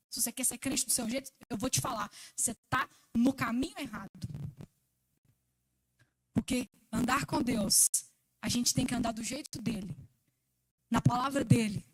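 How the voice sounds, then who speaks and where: A Brazilian Portuguese woman preaching a sermon at a church service, swinging between loud emphasis and quiet asides. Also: high voice, breathy edge.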